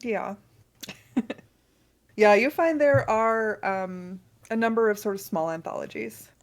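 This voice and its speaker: A woman running a tabletop game as game master, laughing often and talking in a relaxed way. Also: mid-range voice, takes it slowly.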